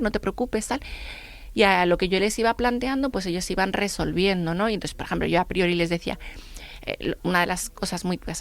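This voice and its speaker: A middle-aged woman, a radio guest telling lively anecdotes and acting out the dialogue. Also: mid-range voice, dry recording. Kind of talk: radio interview storytelling.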